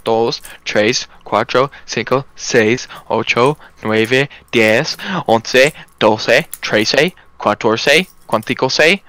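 A man's voice: medium pitch, takes it slowly, hardly any pauses, bright, forceful tone, dry recording. A young man on voice chat with a friend while gaming, bantering and playfully bossing him.

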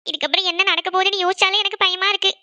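A woman's voice: very high voice, level tone, rapid-fire, bright, forceful tone, full character voice. A woman voicing an anxious young woman in a cartoon who pleads through tears. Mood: fearful. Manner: pleading, tearful. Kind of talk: cartoon voice acting.

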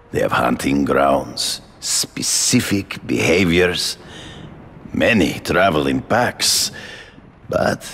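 An imposing, proud hunter in a video game. His voice is extremely deep and gravelly, and he speaks slowly and grandly, with formal, solemn weight. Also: fairly bright tone, slight background noise, exaggerated voice. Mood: grave, assured. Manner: deliberate, grandiose, formal phrasing.

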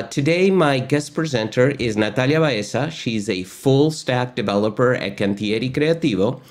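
An Argentine man in his fifties hosts an online lesson and interview from a desk in his home studio, which has a gaming chair. He's upbeat and chatty, uses a lot of filler words, and speaks at a medium pitch.

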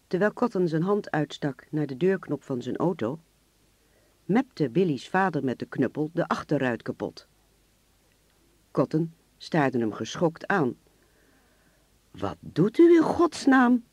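A man narrating a radio drama in a measured, even storytelling voice. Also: on the high side, husky, no room sound.

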